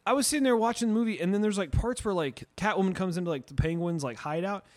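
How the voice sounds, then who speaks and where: Male podcast host, fairly high voice, rambling crude banter full of fillers. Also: fast. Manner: rambling, filler-heavy, absurd jokes.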